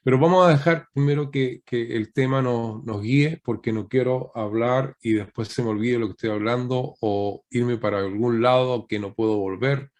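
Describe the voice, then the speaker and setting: A man gives a sermon as a guest pastor, his voice coming through a video call. He teaches steadily at a middle pitch, poses rhetorical questions to his listeners, and keeps tagging his points with a quick question. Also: steady tone.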